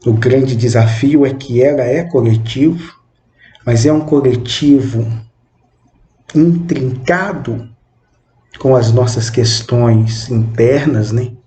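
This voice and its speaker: A man in his twenties giving a reflective spoken monologue, with halting, measured phrasing and frequent questioning tag words. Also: mid-range voice, mellow. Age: 20s. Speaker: channel host. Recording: roomy echo with faint background noise.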